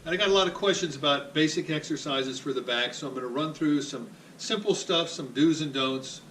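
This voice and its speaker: A man's voice: on the high side, brisk, a bit bright, slight background noise. A man working as a physical therapist, guiding someone through exercises in a plain-spoken, upbeat, joking manner. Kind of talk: exercise demonstration. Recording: echoey room, voice from a distance.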